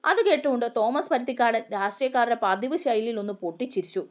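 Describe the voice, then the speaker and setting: A woman narrating a TV serial as a story, with a steady, expressive reading. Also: fairly high pitch, fast talker.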